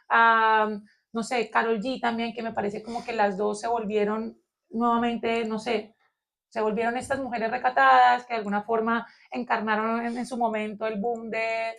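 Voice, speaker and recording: Co-hosting a philosophy round-table podcast, a woman with a Colombian accent and a fairly high voice speaks in a lively, searching way. She thinks aloud, reaching for ideas with plenty of fillers.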